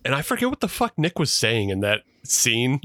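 A man's voice: mid-range voice, normal speed, dry recording, studio quality. A man co-hosting a podcast, talking casually about his old student film with plenty of fillers and laughs. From Pennsylvania. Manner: relaxed, rambling with frequent fillers and laughs. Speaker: podcast co-host, former student filmmaker.

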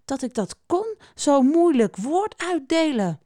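Woman doing a gentle, hesitant turtle for a children's story, raised pitch. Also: sing-song, slow, dry recording, studio quality, full character voice. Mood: earnest. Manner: earnest, hesitant and wondering. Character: gentle shy male turtle.

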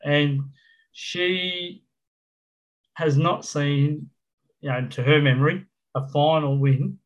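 A man's voice: fairly high pitch, steady tone, slow pace. A middle-aged Australian man chatting casually about football as a fan co-host, talking in a blokey, slangy manner like an Aussie tradesman. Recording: dull lo-fi voice channel.

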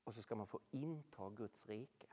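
A preacher giving a sermon, animated, with rhetorical questions and swings between loud and hushed. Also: medium pitch, in a large hall, a little hiss or hum. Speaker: speaker addressing a Norwegian audience.

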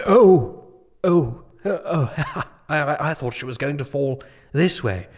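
A man's voice: fairly high pitch, expressive, slow pace, slightly rough, full character voice. Pompous, bumbling king, wildly swooping. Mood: flustered. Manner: wordy, pompous, dithering. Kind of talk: comic audio drama acting.

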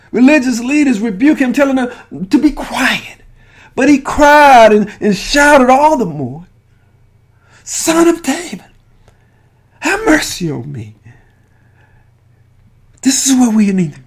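High-voiced impassioned male preacher. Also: animated, normal speed. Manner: impassioned preaching, builds to shouted pleas; repetitive, with restarts. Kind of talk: sermon.

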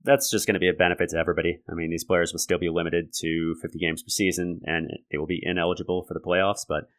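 A man hosting a sports podcast solo, talking analytically and conversationally in a gravelly voice left raspy by a lingering cold. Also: low voice, flat delivery, quick pace, fairly bright tone. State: raspy from a lingering respiratory infection. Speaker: podcast host. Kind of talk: sports commentary monologue.

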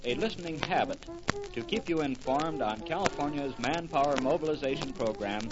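A man's voice: a little high, expressive, fairly quick. A man reading an earnest, official public service announcement, heard as an old broadcast transcription disc. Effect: old broadcast transcription disc sound. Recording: dull lo-fi old radio disc. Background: music playing.

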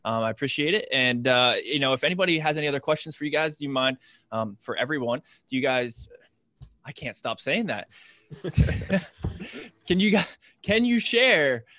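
A man's voice: medium pitch, fairly quick, pushed and bright, dry recording. An American man hosting a podcast in a casual, conversational style. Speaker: podcast host.

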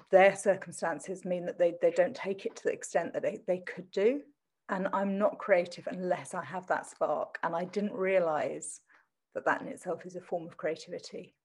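A woman's voice: fairly low pitch, darkish tone. A middle-aged woman from Essex with an adopted standard English accent and traces of Essex, talking thoughtfully and self-deprecatingly in a conversational interview. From Southend in Essex, England. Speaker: teacher and interview guest.

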